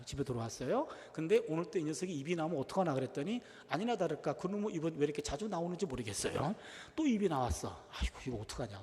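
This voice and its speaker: A middle-aged man preaching a sermon, telling family stories in an animated way and acting out the dialogue. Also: sits high. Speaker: pastor. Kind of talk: sermon with storytelling. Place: church sanctuary. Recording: church hall reverb.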